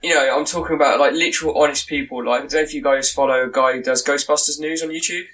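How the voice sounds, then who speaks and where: A man's voice: a little high, quick pace, distant mic, low-quality recording. Opinionated man, a bit off-mic. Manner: opinionated, animated, restarts sentences. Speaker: podcast co-host. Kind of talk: casual film discussion.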